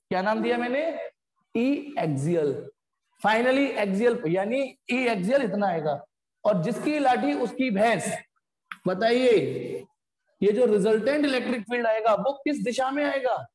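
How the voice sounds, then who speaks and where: A man's voice: very high-pitched, darkish tone. A man teaching a physics class online, explaining step by step and breaking off to scold students bluntly. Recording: echoey room with long reverb.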